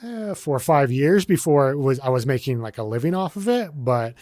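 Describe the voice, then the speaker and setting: A man's voice: medium pitch, lively intonation, a little fast, a little mellow, dry recording, studio quality. A man in his forties from the United States, a guest in a casual interview who rambles with many fillers and restarts. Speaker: guest, ultrarunner.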